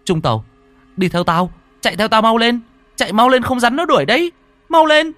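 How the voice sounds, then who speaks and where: A man voicing a terrified young boy who shouts in loud panic for his friend in a told ghost story. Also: extremely high pitch, a little fast, no room sound, soft background music, pitched above the performer's own voice. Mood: panicked shouting.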